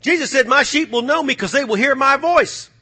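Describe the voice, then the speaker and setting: A man preaching a sermon, swinging from low, quiet passages to shouted, fiery calls to the congregation. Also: a little fast.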